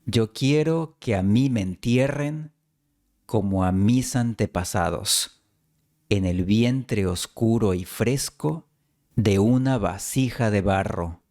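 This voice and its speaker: A man teaches Spanish pronunciation in a slow, deliberate way and breaks words down syllable by syllable. His voice sits fairly low. Now and then he sings a line quietly. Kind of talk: explanatory language lesson.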